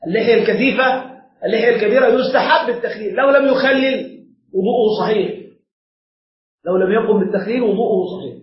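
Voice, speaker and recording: A man's voice: high-pitched, fast talker. A man, a sheikh, explaining a religious text step by step and quizzing the seated students in front of him. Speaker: sheikh teaching a religious lesson. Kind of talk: classroom lesson explaining a text. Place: lesson room with seated listeners. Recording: echoey room, dull lo-fi sound.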